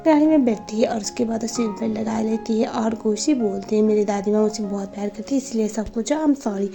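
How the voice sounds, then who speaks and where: Soft music plays behind a woman whose brisk, gravelly voice sits on the high side with a dark tone. Recapping a drama series in a relaxed way, she walks through scenes and voices the characters' dialogue herself.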